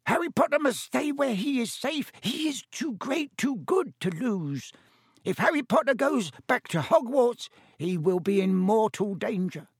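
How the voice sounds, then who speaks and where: A man voicing a small, anxious, devoted house-elf with a squeaky, hoarse voice, pleading in an audiobook story. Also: lively intonation, a little slow, no echo, clean studio sound, exaggerated voice. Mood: frantic pleading. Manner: pleading, speaks of himself in the third person.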